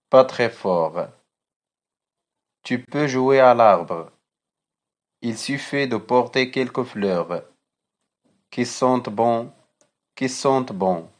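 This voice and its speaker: Like a teacher reciting for his class, a man delivers poetry with extreme slowness and deliberation, carefully weighing every short phrase. For a male voice, his pitch sits in the middle range.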